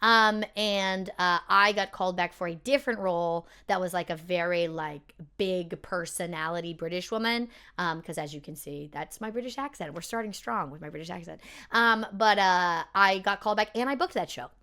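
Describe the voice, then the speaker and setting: A woman's voice: lowish voice, normal speed, bright, forceful tone, smooth. A young woman chatting casually and self-deprecatingly as she reacts to her own audition tapes.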